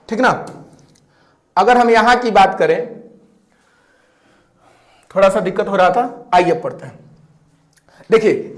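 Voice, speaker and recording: High-voiced grammar teacher. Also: male voice, a bit bright. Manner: repetitive, checks understanding with frequent questions; colloquial, addresses students directly. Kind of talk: classroom lecture.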